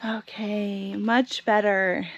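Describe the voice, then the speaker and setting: A woman's voice: mid-range voice, level tone, extremely slow, lo-fi sound, noisy background. A woman vlogger chatting her way through a garden and greenhouse tour, upbeat and explaining as she walks, recorded outdoors on a handheld camera. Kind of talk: casual walking tour narration.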